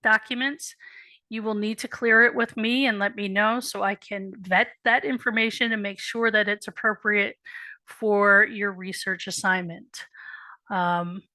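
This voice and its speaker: A woman's voice: medium pitch, steady tone, unhurried, bright, forceful tone, dry recording. A woman college writing instructor, losing her voice, explaining an assignment step by step in a patient tone, with candid asides and key points repeated. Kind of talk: recorded assignment walkthrough.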